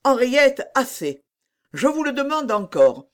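A woman reading the lines of a young king who is lovesick, jealous and tormented, in an animated, pleading voice. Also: high voice, takes it slowly, pitched above the performer's own voice, full character voice. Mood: anguished. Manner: pleading, heated outbursts.

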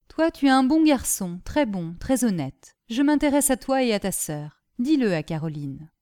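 A woman doing a calm kindly mayor. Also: fairly high pitch, no room sound, studio quality. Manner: measured, commanding, kindly. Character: calm, kindly, authoritative middle-aged mayor.

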